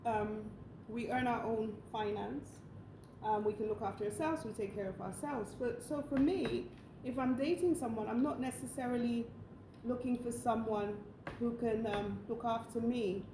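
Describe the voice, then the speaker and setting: Here a co-host keeps up a chatty, filler-heavy conversation at normal speed in a high-leaning voice. The recording carries room echo and faint noise.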